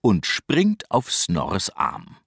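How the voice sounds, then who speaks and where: Slow, expressive storybook narrator, a man. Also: sits low, vocal fry, breathy edge, no echo, studio quality. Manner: lively, expressive, unhurried.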